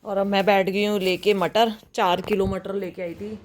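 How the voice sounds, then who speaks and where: A woman's voice: mid-range voice, level tone, moderate pace, slight background noise. A young woman chatting casually in a home vlog, cooing now and then to her pet dog. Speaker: vlogger. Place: at home indoors.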